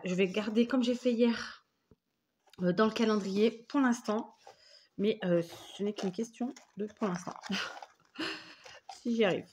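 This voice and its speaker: A woman's voice: medium pitch, husky. A woman at home, casually showing craft items in a rambling, self-correcting chatty way. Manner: rambling, self-correcting, warm thanks to senders. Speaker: crafting vlogger. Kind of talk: casual chatty show-and-tell. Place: at home, indoors.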